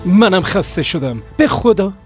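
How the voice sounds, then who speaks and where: A man's voice: sits high, sing-song, soft background music. A man voicing a harried young husband who pleads with his mother in a dubbed TV drama. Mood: pleading. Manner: pleading, defensive.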